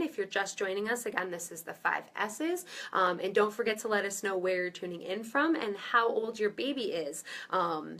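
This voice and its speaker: A woman in her thirties, a maternity nurse, teaching parents in a loose, chatty live-stream way with many fillers and restarts. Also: mid-range voice. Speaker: maternity nurse giving baby-soothing tips.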